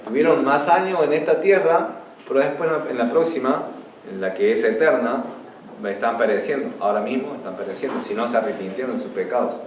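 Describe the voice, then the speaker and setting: A man's voice: medium pitch, slight background noise. A young man, preaching a sermon as pastor. He teaches in a repeating, emphatic way and lifts his voice when he reads scripture aloud. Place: church. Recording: roomy church hall from far off, faint ambience.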